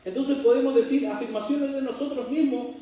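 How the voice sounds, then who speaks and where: A middle-aged man from Chile, speaking with a Chilean accent, preaches in a church hall in a very high-pitched, mellow, steady voice at a slightly fast pace. Rhetorical questions and joking asides fill his sermon, which is captured from a distance in a very reverberant room.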